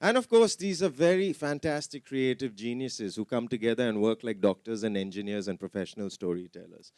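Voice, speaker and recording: A man's voice: on the low side, fairly quick, a little mellow, dry recording, clean studio sound. A man hosting a launch event from the stage, announcing with showy, theatrical emphasis. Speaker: event host.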